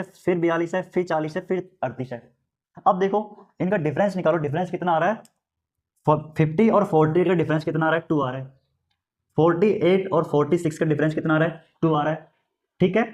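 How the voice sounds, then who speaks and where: A male math teacher who explains things in a relaxed, conversational way. His voice sits a little above the usual male range, and he goes over each step again while checking that his students follow. He often asks questions and then answers them himself. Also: on the high side. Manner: conversational, checks understanding with frequent "ठीक है?"; repeats steps and asks the listener questions. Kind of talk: classroom lesson.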